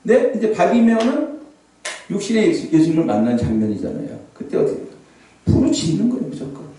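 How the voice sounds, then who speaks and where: A man preaching a revival sermon as a pastor, animated, sometimes shouting out scripture cries. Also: high voice, fast talker. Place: large prayer hall. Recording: echoey hall, voice from far off.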